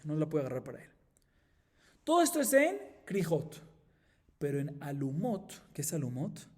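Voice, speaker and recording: This man's voice sits a little high, with a darkish tone and a breathy edge. He is a middle-aged rabbi from Colombia leading a step-by-step Talmud lesson, frequently asking "¿sí?" to check on his listeners and running through Aramaic in a fast chant.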